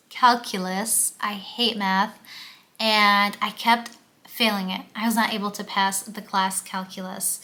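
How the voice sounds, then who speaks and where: A woman's voice: medium pitch, bright, forceful tone. A young woman talking candidly to camera in a casual confessional vlog, emotional and open, with lots of "um" and "like". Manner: candid and emotional, with frequent fillers like "um" and "like". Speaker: vlogger.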